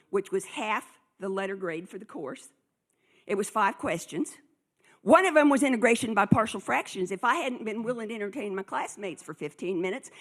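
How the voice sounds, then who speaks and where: A woman speaker telling a lively story to a conference audience, acting out the dialogue as she goes. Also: mid-range voice.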